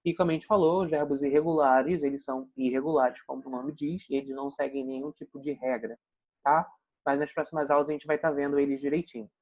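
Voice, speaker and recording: Brazilian male teacher, husky tone, patient explainer, dull lo-fi take. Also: a little high, steady tone, fast talker. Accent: Brazilian Portuguese. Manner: patient, explanatory, tags sentences with "né?" and "tá?". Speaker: English teacher. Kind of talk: recorded online grammar lesson. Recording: dull, lo-fi, dry recording.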